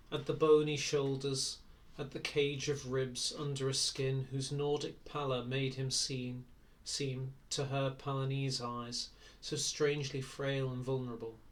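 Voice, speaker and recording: A man reading a novel aloud in a quiet, unhurried, low-key way. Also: poor audio. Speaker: audiobook reader.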